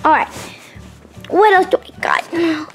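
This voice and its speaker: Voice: very high-pitched, steady tone, measured pace, a bit bright, faint music behind. A young performer voicing a whiny, demanding bunny animatronic plush in a homemade puppet video. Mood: chatty.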